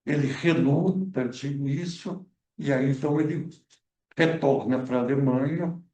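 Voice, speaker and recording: Held at a cultural center's event room, a film club debate features a male guest researcher explaining history hesitantly, full of fillers and restarts. His medium-pitched, darkish voice moves at normal speed, and the echoey recording keeps him far from the mic.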